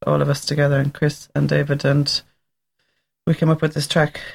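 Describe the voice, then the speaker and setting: A man's voice: a little high, completely flat delivery, normal speed, vocal fry. A man from Waterford with an Irish accent, a musician guest who speaks in an earnest, plain way. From Waterford, Ireland.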